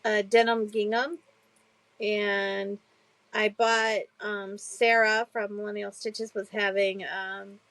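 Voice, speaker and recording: A woman co-hosting a casual chat, talking chattily and hesitantly with many pauses and fillers. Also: mid-range voice, level tone, creaky, a bit bright, dry recording, low-quality recording. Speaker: co-host.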